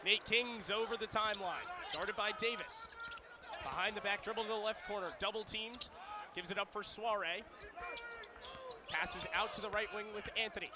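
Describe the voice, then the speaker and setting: In a noisy arena full of bouncing basketballs, a high-pitched man calls radio play-by-play at a normal speed. He uses clipped, descriptive phrases and punches up the big plays.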